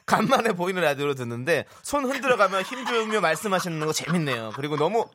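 A male radio co-host in a studio, chatting casually and reading announcements with quick, deadpan quips. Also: sits high.

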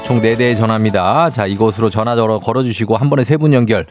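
A man's voice: fairly low pitch, quick pace, darkish tone. A man hosting a morning radio show, reading out quizzes and giveaways in an upbeat, punchy announcer's delivery. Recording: music bed behind the voice. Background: music.

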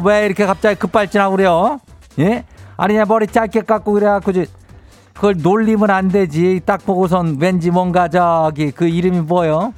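A radio host with a Chungcheong Korean accent, talking in a slow, folksy drawl as he hands out teasing, homespun advice. His voice sits a bit high for a man. Soft music plays faintly behind him. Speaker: radio host reading listener messages. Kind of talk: folksy radio call-in chat.

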